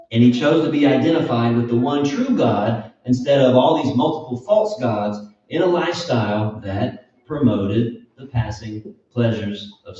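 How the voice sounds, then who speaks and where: Guy preaching a sermon, mellow voice, way off mic in a big echoey church. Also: medium pitch. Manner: earnest, emphatic, asks the listeners questions. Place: church auditorium. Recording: echoey hall, distant mic, dull.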